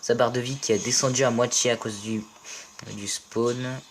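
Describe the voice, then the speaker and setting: A young French man casually commentating a mobile game match, playful and excitable, joking and swearing at his teammates. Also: medium pitch, normal speed, a little hiss or hum. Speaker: gaming video commentator.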